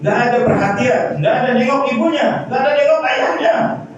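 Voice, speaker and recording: High-voiced preacher in a booming echo. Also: male voice, slight background noise. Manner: rhetorical questions to the crowd, drawn-out chanting cadence. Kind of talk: Ramadan sermon with chanted prayer. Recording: echoey lo-fi sound from far off.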